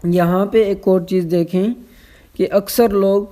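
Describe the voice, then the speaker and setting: Mellow, flat-voiced reading tutor. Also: medium pitch. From Pakistan. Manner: spells out syllables, then stretches out the joined words; mixes English words into explanations. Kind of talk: recorded reading lesson.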